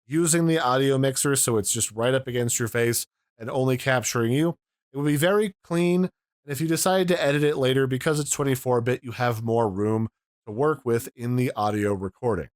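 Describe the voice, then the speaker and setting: Man, product demo, explanatory, mid pitch, dry sound, home recording. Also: a little fast, dry recording. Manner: explanatory, pointing out controls. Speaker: tech reviewer. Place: home room.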